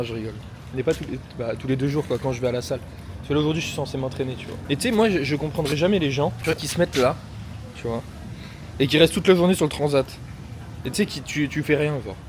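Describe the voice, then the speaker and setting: A young man talks straight to his handheld camera in a loose, slangy, rambling way. He speaks quickly, with a mid-range voice. A faint outdoor ambience sits behind him. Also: mid-range voice, background noise. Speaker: vlogger. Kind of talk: casual travel vlog.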